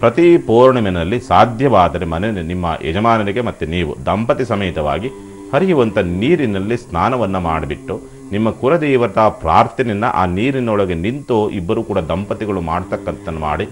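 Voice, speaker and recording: A man's voice: on the low side, expressive, normal speed, faint music behind. A man working as a TV astrologer, reassuring callers and steadily reading out predictions for each sign. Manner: soothing, reassuring counsel. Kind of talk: call-in horoscope advice.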